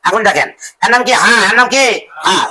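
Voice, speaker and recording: A male teacher leading a classroom drill, calling out phrases in a slow sing-song and having the class repeat them. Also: sits high, animated. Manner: slow sing-song drilling, stretched words and loud cues. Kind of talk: call-and-response classroom drill.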